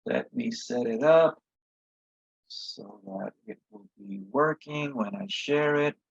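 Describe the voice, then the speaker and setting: A man with a husky, worn-out voice leads an informal online review lecture. He sounds tired and explains haltingly, often stopping to check in. The audio is slightly dull and lo-fi. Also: a little high, big pitch swings. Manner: halting, frequent checking "okay?" and "right?". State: tired, voice a little shot. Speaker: chemistry instructor. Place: online video session from a computer.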